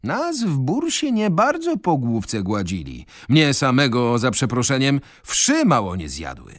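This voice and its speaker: Expressive male reader of a novel on radio. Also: mid-range voice, no echo, studio quality. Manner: measured, expressive storytelling. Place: radio studio.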